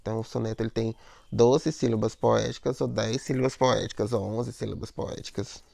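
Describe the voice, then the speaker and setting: A man's voice: mid-range voice, steady tone, a little fast, gravelly, darkish tone, no echo. A man teaching a lesson on poetic meter, explaining step by step, repeating words, and checking in with "né?" and "ó".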